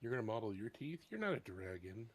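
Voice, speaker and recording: A man's voice: on the low side, very animated, quick pace, breathy edge. Laid-back man teasing off camera. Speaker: off-camera companion. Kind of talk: casual chat.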